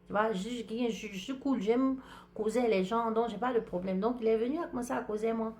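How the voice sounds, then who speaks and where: A woman's voice: fairly high pitch, a little fast. A woman from Africa with an African French accent, hosting a podcast and telling a personal story in a chatty way, talking straight to her listeners. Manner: chatty, talks straight to listeners, lively retelling. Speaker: podcast host. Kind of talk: casual storytelling monologue.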